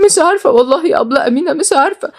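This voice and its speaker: A woman's voice: expressive, very fast. A woman voicing a frightened, pleading young orphan woman with an Egyptian accent. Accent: Egyptian Arabic. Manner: pleading, shrill, panicked.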